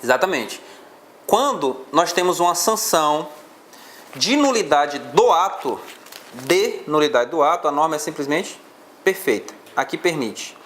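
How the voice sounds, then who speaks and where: A man's voice: a little high, lively intonation, a little slow, a bit bright, slight background noise. A male law teacher with a Brazilian Portuguese accent, lecturing a class on exam questions and explaining step by step.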